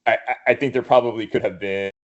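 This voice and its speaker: A man's voice: medium pitch, fairly even intonation, quick pace, muffled recording. A man talking in a casual podcast film review, thoughtful and hedging, with many restarts. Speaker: podcast guest, Marine veteran.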